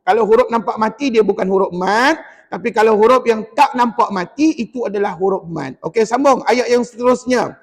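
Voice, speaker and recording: A Malaysian man with a Malay accent teaching a Quran recitation class in a mosque, quizzing his students in a lively way and chanting the verses slowly. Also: sits high. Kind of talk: classroom tajwid lesson. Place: mosque hall. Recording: long mosque reverb.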